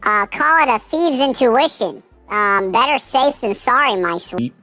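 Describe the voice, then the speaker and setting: A man reading a teasing female thief through a voice changer that raises his pitch, speaking in a coy, drawn-out manner. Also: lively intonation, bright, forceful tone, no echo, faint music behind, exaggerated voice. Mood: flirty. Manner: purring, coy, drawn-out endearments. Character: flirty, teasing woman, a sly thief. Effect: voice changer raising the pitch. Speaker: streamer voicing game characters.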